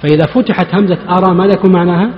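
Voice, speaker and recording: A man teaching a hadith lesson in a large mosque, with a fairly high-pitched voice. He explains patiently, putting questions to his listeners and then answering them. The sound rings and echoes through the hall on a dull, lo-fi recording. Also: steady tone, rapid-fire. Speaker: Islamic scholar teaching hadith.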